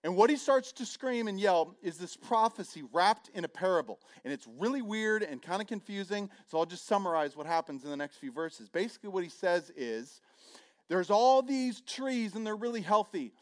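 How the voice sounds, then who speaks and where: Animated preacher with a high, lively voice. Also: male voice, moderate pace. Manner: storytelling, swings between loud and hushed. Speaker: pastor. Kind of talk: sermon.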